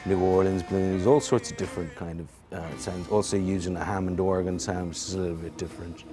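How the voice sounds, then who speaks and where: A man from Ireland with a Dublin accent, a musician answering interview questions in a relaxed, rambling way. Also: deep voice, a little fast, over music. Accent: Irish, Dublin. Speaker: musician guest.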